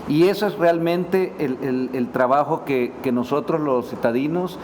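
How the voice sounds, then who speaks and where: A Salvadoran man hosting a TV interview, his voice sitting fairly high. He chats in a friendly, joking way and often restarts his sentences. A faint hum runs behind him. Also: moderate pace, a little mellow. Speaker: TV show host. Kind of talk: casual TV interview chat.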